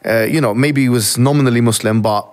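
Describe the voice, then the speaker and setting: Talking fairly quickly in a mid-range voice, this young Egyptian-born man is an interview guest who reflects with sincerity in conversation, often starting his sentences over.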